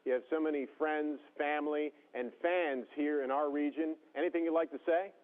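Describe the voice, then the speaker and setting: A man working as a TV news interviewer, asking formal, measured questions over a radio link to a space station. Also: on the high side, steady tone. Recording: tinny phone-like radio link.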